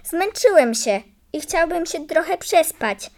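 A tired, contented stray dog in a storybook tale, speaking plainly and wearily, as a woman reader puts him on. the voice stays high and light. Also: lively intonation, unhurried, a little mellow. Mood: weary.

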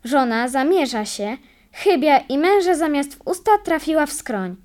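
A woman's voice: high voice, expressive, moderate pace, darkish tone. Woman reading a folk tale. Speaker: audiobook reader. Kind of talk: storytelling narration.

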